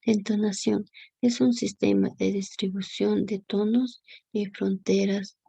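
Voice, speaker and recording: Young woman student presenter, slow and hesitant, gravelly and husky, many fillers. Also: mid-range voice, fairly even intonation, warm tone, dry recording. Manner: halting, many fillers and restarts. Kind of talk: class presentation.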